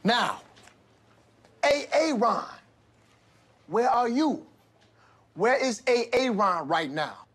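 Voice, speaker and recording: A man playing a strict, combative middle-aged substitute teacher from an inner-city school in a comedy sketch, stern and husky as he barks at the class. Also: extremely high pitch, big pitch swings, takes it slowly, pauses often, fairly bright tone, heavily acted. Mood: menacing, exasperated. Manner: stern substitute teacher barking roll call.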